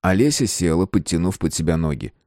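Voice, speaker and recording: Low-voiced male audiobook narrator. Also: lively intonation, a little mellow, no room sound, studio quality. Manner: measured storytelling. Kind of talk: scripted narration.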